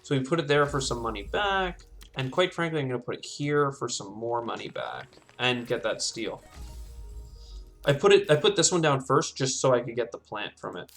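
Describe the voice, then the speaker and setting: A man's voice: medium pitch, animated, moderate pace, fairly bright tone, soft background music. A man commenting casually on his own game as he plays, thinking aloud and talking himself through each choice. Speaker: gameplay commentator. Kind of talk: casual let's-play commentary.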